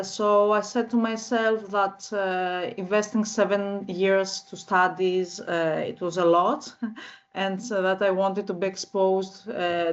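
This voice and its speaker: Slow, flat-voiced Greek woman. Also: mid-range voice. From northern Greece. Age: 30s. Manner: measured and halting, frequent filler sounds. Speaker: guest. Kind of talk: interview answers. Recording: slightly muffled audio.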